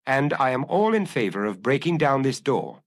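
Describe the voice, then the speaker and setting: A man voicing a shrewd priest detective who speaks quietly and reflectively. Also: mid-range voice, big pitch swings, normal speed, pitched above the performer's own voice.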